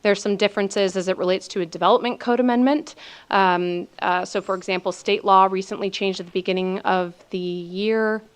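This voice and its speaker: A woman's voice: mid-range voice, brisk, clean tone. Woman city planner explaining procedures. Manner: informative, steady, with frequent ums. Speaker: city planning staff member. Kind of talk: explaining procedures at a council meeting.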